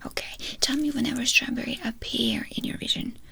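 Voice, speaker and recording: Woman, fast ASMR, whispered role-play, brisk medical examiner, crackly creaky whisper, instructing. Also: sits high, fairly even intonation, sharp tone.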